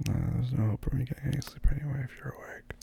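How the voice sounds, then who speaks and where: A man in a soft-spoken ASMR boyfriend roleplay, groggy as if just woken up, murmuring and often slipping into whispers. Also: mid-range voice, fairly even intonation, very fast, creaky, husky.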